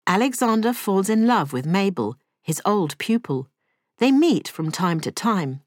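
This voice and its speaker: A woman narrating a cartoon story in a scripted, clear storybook manner. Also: mid-range voice, big pitch swings, a little slow, no echo, clean studio sound.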